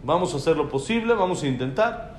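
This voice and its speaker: A man telling a story to a class, animated and acting out the dialogue. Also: on the high side, fast, a little hiss or hum.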